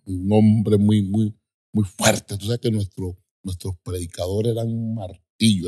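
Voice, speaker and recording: A man with a somewhat low, husky voice recounts his conversion story in an interview. He speaks emphatically, leans on repeated words and suddenly lifts into high, stretched tones when he quotes the people in his story. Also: darkish tone. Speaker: apostle sharing his testimony. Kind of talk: personal testimony storytelling.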